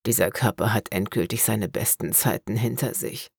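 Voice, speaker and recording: A woman voicing a calm, polite old dead man with a hoarse, quiet voice. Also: moderate pace, dry recording, clean studio sound, full character voice. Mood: weary. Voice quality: hoarse, low grumble.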